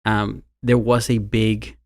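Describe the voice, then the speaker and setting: A slow, flat delivery in a voice on the low side comes from a man from Mexico. As a university marketing executive guesting in a conversational interview, he speaks with a Mexican Spanish accent and often repeats words when he opens a sentence.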